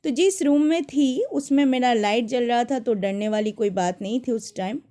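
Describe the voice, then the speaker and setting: Young woman, casual storytelling to viewers, animated, restarts sentences, warm tone. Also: on the high side, normal speed. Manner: animated, dramatic retelling with many restarts.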